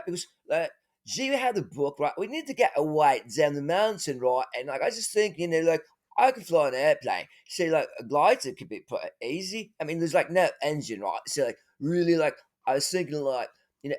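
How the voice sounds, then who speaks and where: A man's voice: fairly high pitch, a little mellow. A man playing a father who rambles through a wild adventure story, full of fillers and tag questions.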